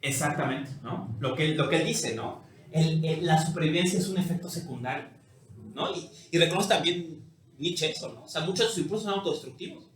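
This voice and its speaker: Mexican male philosophy teacher, high voice, animated lecture, echoey room. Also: fairly quick. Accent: Mexican Spanish. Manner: animated, ends phrases with tag questions. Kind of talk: university lecture. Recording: echoey room with faint noise.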